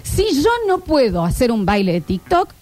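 A woman in her thirties with an Argentine accent, hosting a casual chat and telling stories in an animated way with many filler sounds. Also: a little high, normal speed. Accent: Argentine Spanish. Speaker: streaming show host.

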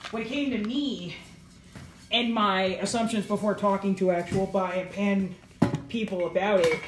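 A woman hosting a casual podcast who is excitable, swears freely and often talks over the others. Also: medium pitch. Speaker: podcast host. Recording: roomy echo, faint background noise.

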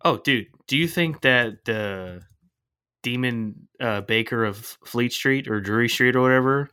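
A man's voice: mid-range voice, a little slow, sharp tone, clear, resonant tone, dry recording, studio quality. A man in a casual movie chat, playful and argumentative, jumping in with his own theories.

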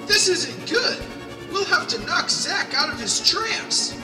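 A man playing an earnest, excitable young investigator in an audio drama. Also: high voice, normal speed. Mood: alarmed, excited. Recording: echoey hall, distant mic, music behind.

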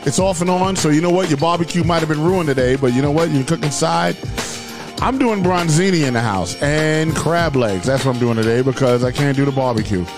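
Brief: New male talk host, playful sing-song delivery, studio recording with loud music underneath. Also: a little high, brisk. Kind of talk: casual talk show hosting.

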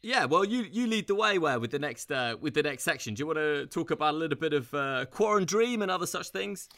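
A man's voice: on the high side, animated, a little fast, a bit bright. A man co-hosting a casual podcast, rambling with many restarts. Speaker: podcast co-host.

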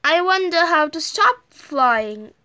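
A woman's voice: very high-pitched, lively intonation, takes it slowly, bright, forceful tone, voice pushed up, exaggerated voice. A woman voicing a cheerful young male pet who can talk and fly in a children's story. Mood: eager.

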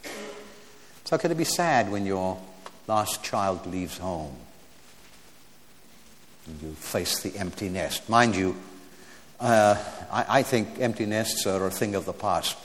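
A man's voice: on the low side, expressive, slow pace, pauses often. Man in his seventies preaching in a reverberant hall. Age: 70s. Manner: wide swings from loud exclamation to quiet aside, frequent stammered restarts; wry humorous asides with chuckles. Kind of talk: sermon.

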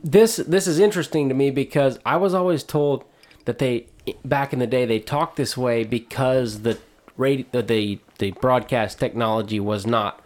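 A man's voice: medium pitch, moderate pace, a little mellow. Man, casual chat, mid-range voice, thinking aloud.

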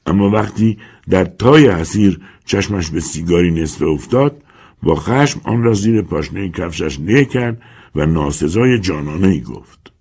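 Deep, husky male storyteller. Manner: expressive, dramatic storytelling. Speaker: narrator. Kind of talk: scripted audiobook narration.

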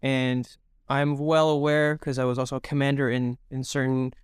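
A man's voice: mid-range voice, level tone, normal speed, smooth, no room sound, clean studio sound. A young man raised in Toronto answering interview questions earnestly, with many fillers. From Mexico, raised in Toronto. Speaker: guest, army reservist.

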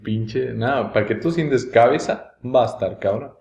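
Animated young Mexican man in an echoey room. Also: mid-range voice, measured pace, gravelly. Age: young adult. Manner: slangy, swearing. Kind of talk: casual chat among friends.

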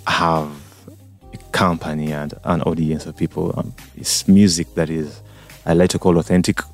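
Male guest from Uganda, low voice, easygoing and hesitant. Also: normal speed, soft background music. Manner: relaxed, hesitant with many ums. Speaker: singer-songwriter guest. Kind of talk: radio interview.

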